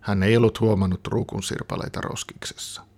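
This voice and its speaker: A man calmly reading a children's story aloud. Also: on the low side, creaky, slightly rough.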